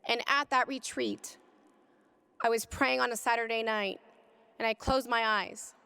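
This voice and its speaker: A woman giving an impassioned personal testimony, speaking with deep feeling and rising to cries at its peaks. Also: fairly even intonation, measured pace, creaky, bright, forceful tone, smooth, in a large hall. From California. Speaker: pro-life speaker. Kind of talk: emotional testimony talk.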